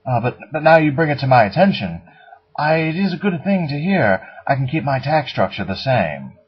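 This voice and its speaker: A man's voice: mid-range voice, sing-song, normal speed, slightly rough. A man playing a pompous, wealthy playboy in a comedy sketch interview, with haughty, drawling airs. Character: pompous wealthy male playboy, tax-dodging snob. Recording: dull lo-fi recording.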